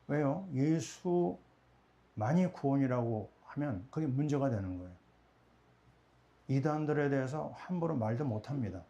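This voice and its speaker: Middle-aged man preaching a mellow sermon. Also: medium pitch, animated, normal speed, dull audio. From Korea. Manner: rhetorical questions answered himself. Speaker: pastor.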